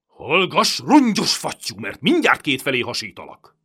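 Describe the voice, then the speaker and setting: A man voicing a bony, one-eyed raider in a storybook reading, shouting cruel threats. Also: medium pitch, huge pitch swings, husky, pitched above the performer's own voice, full character voice. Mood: threatening. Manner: bellowing threats, grinning and cruel.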